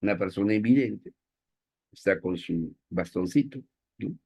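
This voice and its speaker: Playful teacher. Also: male voice, low-pitched, lively intonation, unhurried, dark tone, breathy edge. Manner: playful, self-mocking, asks the class questions. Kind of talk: classroom lecture.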